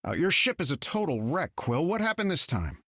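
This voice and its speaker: Iron Man, lively glib hero. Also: on the high side, a little fast, no room sound, studio quality, exaggerated voice. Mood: breezy, confident. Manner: wry, casual, self-assured. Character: glib, confident, wisecracking male inventor superhero. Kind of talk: video game character acting.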